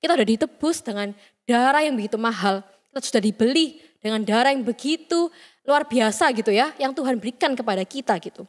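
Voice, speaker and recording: Fast, high-voiced young woman preaching. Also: lively intonation. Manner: chatty, playful, acts out quoted voices. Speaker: youth service speaker. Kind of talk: youth sermon. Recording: reverberant hall sound.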